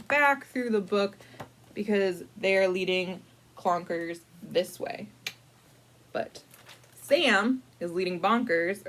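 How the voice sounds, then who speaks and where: This is a woman's mid-range voice with a slight hiss or hum in the audio. A library storyteller, she reads a picture book to adults in a relaxed, improvised manner, adding wry, playful asides with mock-dramatic commitment and regularly pausing to think aloud in a conversational tone.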